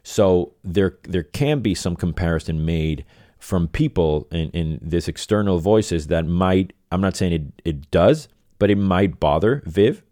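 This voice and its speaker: Low-voiced rambling podcast host man. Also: animated, measured pace, warm tone, dry recording, studio quality. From Venezuela. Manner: rambling, self-correcting, repeats phrases. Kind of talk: casual solo podcast monologue.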